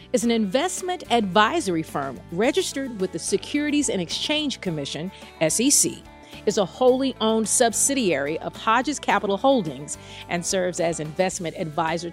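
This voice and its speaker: A woman reads a scripted legal disclaimer in a formal, measured announcer's delivery. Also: mid-range voice.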